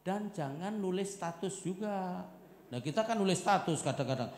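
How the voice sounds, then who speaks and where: A middle-aged man preaching a marriage seminar sermon, joking, loud and animated, calling for amen. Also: high-pitched, moderate pace, a little hiss or hum. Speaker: pastor. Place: church hall. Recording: echoey church hall with long reverb.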